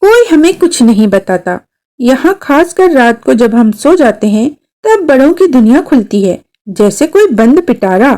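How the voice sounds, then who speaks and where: Lively, high-voiced woman reading a story. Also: unhurried. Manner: expressive, voicing a young girl's first-person thoughts. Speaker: story narrator.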